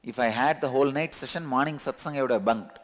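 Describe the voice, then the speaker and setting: A man with a thick Tamil Indian accent, a native Tamil speaker, giving a religious discourse as a spiritual teacher, emphatically repeating key words with pauses. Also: mid-range voice. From Tamil Nadu, India. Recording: long hall reverb.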